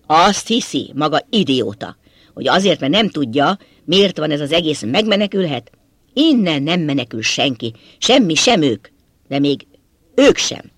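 A man's voice: big pitch swings, dry recording. A man reading a novel aloud, voicing a young male butler who has lost his composure and lashes out bitterly. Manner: shrill, bitter outbursts. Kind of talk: audiobook character voice.

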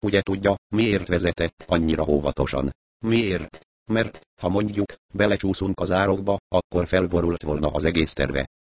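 A man playing a calm, shrewd middle-aged detective who reasons patiently with a mildly mocking edge. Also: low-pitched. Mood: calm reasoning.

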